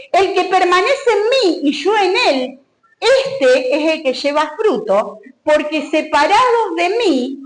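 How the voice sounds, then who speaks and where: A woman's voice: sits high, slight background noise, rough recording. A woman pastor with a Rioplatense Spanish accent, preaching a sermon and acting out a story with dramatic rises. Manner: preaching with rising exclamations and dramatic retelling.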